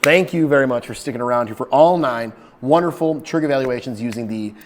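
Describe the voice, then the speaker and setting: A man's voice: medium pitch, fairly quick. A man teaching a math lesson in a casual, upbeat way, talking straight to his viewers. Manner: upbeat, chatty, talks to viewers directly.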